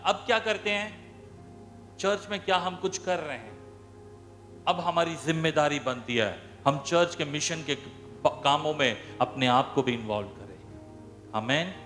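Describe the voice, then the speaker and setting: Male pastor from India, high, bright voice, storytelling sermon in church with soft music behind. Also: expressive, measured pace. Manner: storytelling preacher, asks the congregation questions.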